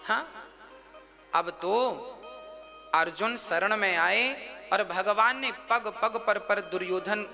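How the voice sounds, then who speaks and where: Preaching a devotional story to a crowd in a big hall, a man urges his listeners directly in a high, gravelly, bright, and forceful voice, speaking slowly with frequent pauses. The hall echoes, and instrumental music plays.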